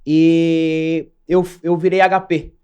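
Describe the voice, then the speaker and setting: A man in his forties from São Paulo, telling his career story as a guest in an animated, brisk way. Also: on the high side, smooth, highs cut off. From São Paulo, Brazil. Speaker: guest, cybersecurity executive. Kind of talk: casual interview storytelling.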